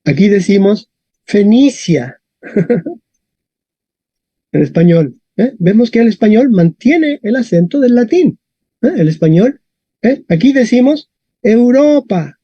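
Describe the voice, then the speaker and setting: A man teaching a classroom lesson, talking in a lively way and often adding tag questions. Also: sits high, breathy edge, dry recording. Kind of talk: classroom lesson on Latin stress. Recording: dull, dry lo-fi sound.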